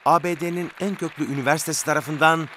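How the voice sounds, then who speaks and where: A man's voice: a little high, steady tone, quick pace, pushed and bright, a little hiss or hum. A man reads scripted news narration as a reporter's voice-over.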